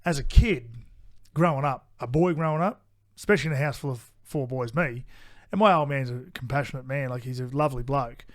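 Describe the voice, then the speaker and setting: A middle-aged Australian co-host with a medium-pitched voice talks fairly quickly on a podcast. He's blunt and casual, swears a lot, repeats himself, and often restarts what he's saying.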